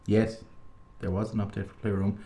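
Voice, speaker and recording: Laid-back young man, quick to laugh. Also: lowish voice, level tone, dark tone. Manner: laughs easily, explains things loosely. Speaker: podcast co-host. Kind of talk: casual gaming podcast banter.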